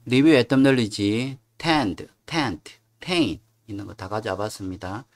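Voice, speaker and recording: A man's voice: fairly low pitch, expressive, takes it slowly, vocal fry. A man teaching English vocabulary in a casual, chatty lecture style, explaining with filler words.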